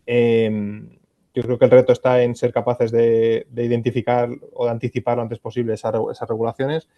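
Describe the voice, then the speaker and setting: Spanish man, panel expert, even tone, hesitant and thoughtful, dry muffled recording. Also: mid-range voice, fairly quick, no echo. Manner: thoughtful, many fillers and restarts. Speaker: panel expert on ESG reporting. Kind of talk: conference panel answers.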